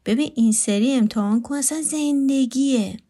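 A woman's voice: high voice, mellow. A woman voicing a sarcastic, teasing houseguest. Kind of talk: read storytelling.

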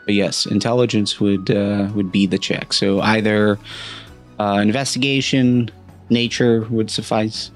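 A man running a tabletop game as game master, improvising narration in a halting way and repeating words as he thinks. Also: lowish voice, steady tone, faint music behind.

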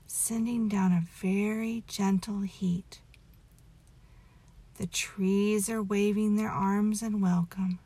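Female meditation guide: unhurried, very airy half-whisper, gentle storytelling, intimate close-to-the-ear delivery. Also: medium pitch. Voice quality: soft, breathy, half-whispered.

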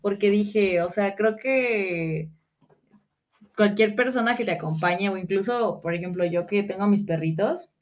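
A woman chats casually as a podcast co-host. She rambles through a story and acts out what others said. Her voice sits in an ordinary middle pitch for a woman. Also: measured pace.

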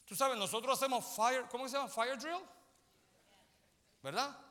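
A man preaching, his voice high, bright and swinging widely in pitch. He keeps turning to the congregation with direct questions. The sound carries a long church-hall reverb. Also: moderate pace. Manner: animated preaching, often calls listeners "brother" and checks they follow. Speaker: pastor. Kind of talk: sermon. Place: church sanctuary.

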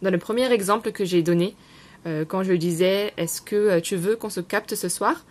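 A young woman hosting a podcast lesson, explaining expressions in a casual, unhurried way with many fillers. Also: medium pitch, darkish tone. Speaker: podcast host teaching French expressions.

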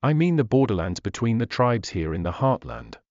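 A man's voice: fairly low pitch, huge pitch swings, normal speed, a little mellow, dry recording, muffled recording. A man voicing an earnest young archer. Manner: earnest, hesitant.

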